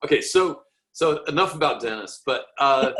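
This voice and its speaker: A man hosts an interview in a casual, upbeat way. He often restarts his sentences as he asks his questions. His voice sits at a middle pitch. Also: expressive, normal speed, fairly bright tone. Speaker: podcast host interviewer.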